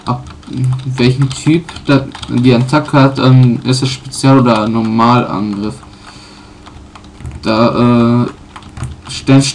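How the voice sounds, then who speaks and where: A man casually commenting on his own playthrough, pausing often with fillers and correcting himself. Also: medium pitch, darkish tone, a little hiss or hum. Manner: halting, many fillers and self-corrections. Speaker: let's player.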